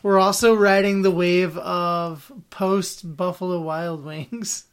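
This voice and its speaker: A man in his thirties with a stuffy nose from a head cold, hosting a casual podcast from a spare bedroom, relaxed and rambling with many fillers. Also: sits high, slow, clean tone. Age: 30s. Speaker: podcast host.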